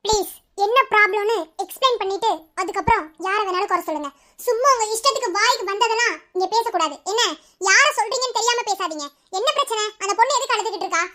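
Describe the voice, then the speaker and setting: Cartoon role: woman as outspoken female lecturer, shrill and quick. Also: pushed and bright. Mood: firm. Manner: firm, challenging.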